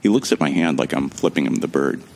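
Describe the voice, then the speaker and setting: Speaking in the first person, a man with an extremely deep, gravelly voice narrates and stars in a sci-fi audio drama. He's wry and casual, cracking jokes and letting slip the occasional swear word. His delivery is quick and a little mellow, with a faint hiss or hum in the background.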